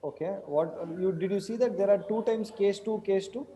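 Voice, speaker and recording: A young man with an Indian accent teaches an online class informally, often repeating himself and checking in. His voice is high and soft-toned, with a long room reverb. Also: normal speed, slight background noise. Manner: informal, questioning, repeats instructions. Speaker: programming teacher. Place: small indoor room. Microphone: computer mic on a video call.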